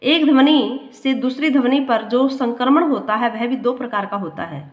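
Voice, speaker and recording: A woman teaching a grammar lesson. She reads from her notes and often repeats a line slowly to explain it. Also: a little high. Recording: echoey room.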